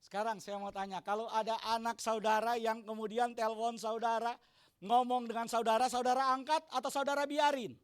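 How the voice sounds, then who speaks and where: A man preaching a sermon to a congregation as pastor, often shouting for emphasis and asking the congregation questions with jokes. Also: very high voice, little pitch movement, fairly quick, smooth. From Indonesia. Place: church hall.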